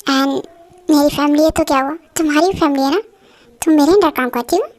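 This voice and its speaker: A young woman voicing a caring young male CEO in an amateur Hindi fan dub, speaking calmly and gently, reassuring. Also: high voice, fairly quick, close to an everyday voice. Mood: tender.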